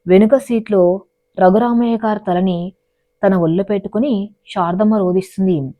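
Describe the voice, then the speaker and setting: A woman's voice: medium pitch, steady tone, moderate pace, dry recording. Female storyteller, scripted dramatic narration, dry close sound, slightly dull lo-fi audio.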